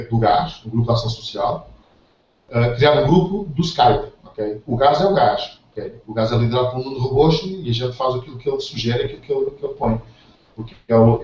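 A man's voice: mid-range voice, a little mellow. A man with a European Portuguese accent leading a group video call, speaking earnestly and often checking that his listeners follow along. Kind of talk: casual group call talk. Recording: very echoey, distant, dull video-call audio.

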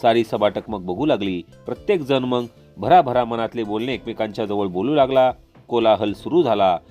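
A man narrating an epic tale in a measured, dramatic reading. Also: medium pitch. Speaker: storyteller. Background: soft instrumental music.

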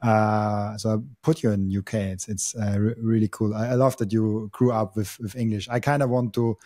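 A young man from Austria, hosting a casual interview on his podcast, speaks at a moderate pace in a low-leaning, dark voice with level intonation. Frequent fillers, restarts and hesitations mark his delivery. He uses a boom mic on an arm in his home studio, and the sound is studio quality without echo.

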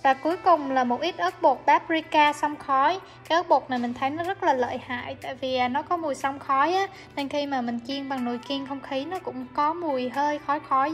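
A young woman with a high, bright voice, chatting warmly as she explains each cooking step. She talks in a friendly, easygoing way from her home kitchen. Soft music plays faintly under her voice. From Vietnam. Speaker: cooking vlogger. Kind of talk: casual cooking voice-over. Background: soft background music.

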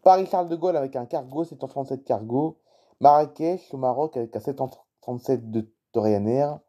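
A man's voice: mid-range voice, brisk, warm tone, lo-fi sound. A man commenting casually on a live flight-tracking map, reading out cities and plane types and chatting to viewers. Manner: puzzled by unfamiliar place names. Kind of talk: casual screen-recording commentary.

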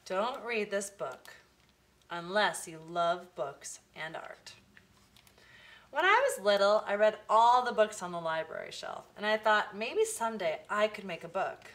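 This is a storybook read-aloud for children, delivered by a woman whose voice sits in the middle range. She reads the picture book with deliberate, expressive phrasing.

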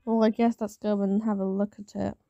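A woman who has just woken up, with a slightly raspy morning voice, giving casual commentary while playing a game. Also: medium pitch, level tone, a little fast, warm tone, dry recording, dull audio. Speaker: gamer narrating gameplay.

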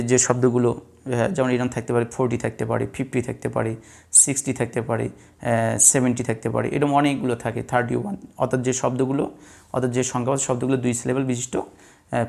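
A male teacher from Bangladesh gives a classroom-style lesson, asking his students questions and answering them himself. His voice has a gravelly, creaky edge at a middle pitch. He talks patiently and repeats each rule several times. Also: little pitch movement, fast talker, a little mellow. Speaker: English teacher. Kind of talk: blackboard lesson explaining word stress.

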